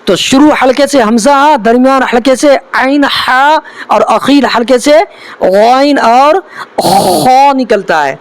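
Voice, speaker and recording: A male Quran teacher giving a beginners' lesson, drawing out each Arabic letter slowly and then explaining it with repeated questions. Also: very high voice.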